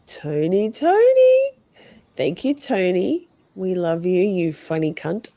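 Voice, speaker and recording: A woman's voice: fairly low pitch, expressive, unhurried, warm tone, no room sound. A woman with a nasal voice hosting a casual livestream, bantering and swearing freely as she talks with her co-host and viewers.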